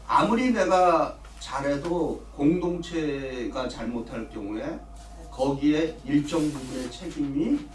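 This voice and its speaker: A man's voice: fairly high pitch, slow, recorded from a distance. Korean man teaching Bible class, echoey room. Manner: asks the class questions and answers them himself. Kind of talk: church Bible study lecture. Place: church classroom.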